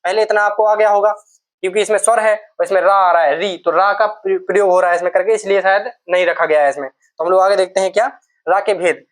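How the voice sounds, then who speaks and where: Speaking briskly in a steady, mid-range voice, this woman walks students through Hindi grammar for their exams. She goes one step at a time, answers her own questions, and drills important terms through repetition.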